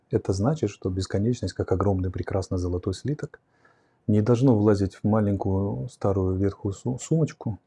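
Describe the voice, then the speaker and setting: A man's voice: on the low side, warm tone, slightly rough. A man in his forties answering viewer questions on philosophy in a livestream, speaking reflectively and explaining at a whiteboard, recorded on a lapel mic in a curtained studio room. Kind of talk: livestream lecture on philosophy and psychology.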